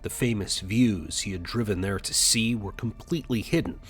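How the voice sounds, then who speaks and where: A man reading scripted documentary narration in a measured, suspenseful tone. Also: fairly low pitch.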